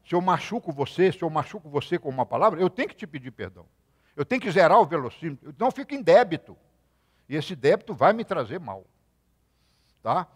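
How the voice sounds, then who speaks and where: A middle-aged Brazilian man preaching a sermon as a rabbi, lively and questioning his congregation, breaking into loud outbursts. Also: high-pitched. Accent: Brazilian Portuguese. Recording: hall reverb.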